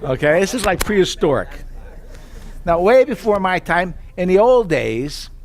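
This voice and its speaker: A man giving a live sales pitch, telling chatty stories and asking the audience rhetorical questions. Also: big pitch swings, unhurried. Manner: acts out his own past thoughts in quoted asides. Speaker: sales presenter.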